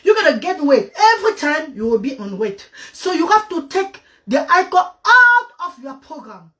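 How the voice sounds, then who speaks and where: A woman's voice: high voice, very animated, unhurried, bright, forceful tone. A woman hosting a casual live stream with diet advice, coaxing her viewers with endearments and slipping into English. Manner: switches between French and English. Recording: voice a bit far from the mic.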